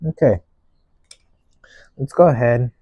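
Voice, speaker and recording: Slow, gentle male painting instructor. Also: mid-range voice, husky, dry recording, narrow, tinny audio. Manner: gentle, unhurried painting instructor, musing aloud in short phrases. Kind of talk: unscripted painting tutorial narration.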